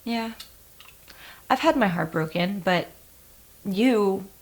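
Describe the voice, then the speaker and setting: A woman's voice: medium pitch, lively intonation, slow. An actress playing a female vampire friend who gives advice with dry jokes, in film dialogue. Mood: wry. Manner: dry, jokey. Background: film score.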